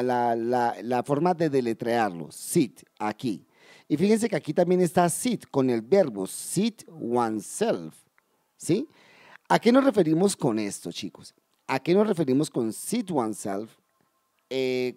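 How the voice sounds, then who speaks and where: Man, english teacher, video lesson, fairly high voice, mellow tone, explains step by step, repeats words slowly for emphasis. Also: no echo, studio quality. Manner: explains step by step, addressing viewers directly. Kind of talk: video lesson for Spanish speakers.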